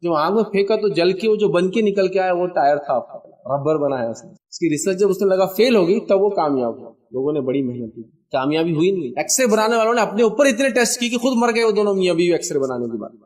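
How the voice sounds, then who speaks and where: Emphatic male lecturer, higher pitch. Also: lively intonation, hardly any pauses, a little mellow, far from the mic. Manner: emphatic, exhorting, mixes English words into Urdu. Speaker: religious lecturer. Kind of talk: motivational lecture.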